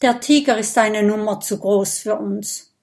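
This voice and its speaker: A woman's voice: mid-range voice, a little slow, darkish tone, close to an everyday voice. A woman voicing a polite, sensible young female porcupine in a children's audiobook. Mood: matter-of-fact. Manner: polite, matter-of-fact.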